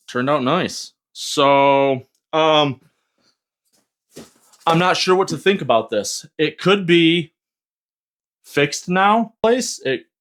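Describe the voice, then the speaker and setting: Slow-talking man, casual rambling vlogger. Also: mid-range voice, fairly bright tone. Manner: rambling, hesitant, lots of ums. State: hyped on an energy drink. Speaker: 3D printing vlogger. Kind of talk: casual vlog talk.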